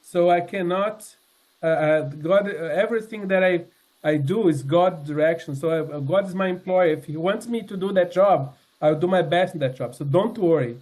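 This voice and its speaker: The audio is poor as a member in his sixties, with a high-pitched, slightly mellow voice, delivers a heartfelt testimony supported by slides. His speech is halting, full of restarts and fillers like "uh" and "um," plain and sincere.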